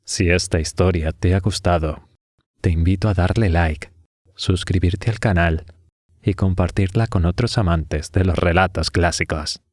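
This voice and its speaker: Male audiobook reader: very deep, slightly husky, measured and even storytelling. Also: no echo, clean studio sound. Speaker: audiobook narrator. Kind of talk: scripted audiobook narration.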